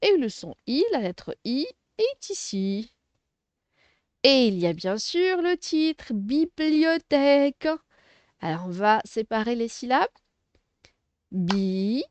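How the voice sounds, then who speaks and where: A woman teaches young children to read, drawing out each syllable slowly and praising them often. Her fairly high voice swings up and down with animated emphasis. The sound is dry and close, with no room echo. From Arabic-speaking background. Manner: slow, clearly articulated, encouraging teacher talk. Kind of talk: first-grade phonics lesson.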